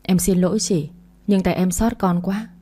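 A woman's voice: on the low side, fairly even intonation, moderate pace, dark tone, husky. A woman voicing a young pregnant woman who pleads and sounds tearful, in a storybook reading. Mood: wailing.

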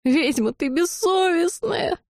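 Woman reader voicing a crying young woman, shrill high voice, wailing reproach, mellow tone. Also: animated, takes it slowly, no room sound, clean studio sound, heavily acted. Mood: tearful scolding. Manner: wailing, scolding, high-pitched. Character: tearful scolding young woman friend.

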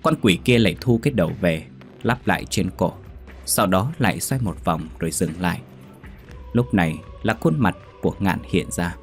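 A man narrating a horror story in a steady, measured storytelling voice. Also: low-pitched, faint music behind.

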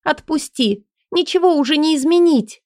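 A woman voicing a torn young woman in an audiobook, speaking high and breathless as she pleads. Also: expressive, a little slow, a little mellow, no room sound, clean studio sound. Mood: frightened protest.

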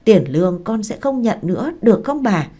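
A woman's voice: medium pitch, very animated, warm tone. Woman doing a desperate pleading young woman. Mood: begging. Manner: pleading, halting, choked up. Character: poor young woman begging for a loan, desperate.

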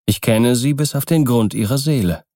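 A man voicing a mysterious, polite male visitor who seems not of this world, speaking in a courteous, quietly stern way. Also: mid-range voice, moderate pace, dry recording, close to an everyday voice. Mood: calm courteous.

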